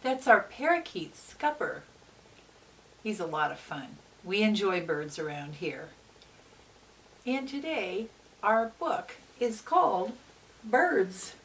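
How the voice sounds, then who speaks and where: A teacher reads a picture book aloud to young children, slow and unhurried, her sing-song pitch swinging widely for expression. She's gentle, stopping now and then to ask the kids questions. The mic sits at a distance and picks up a faint hiss.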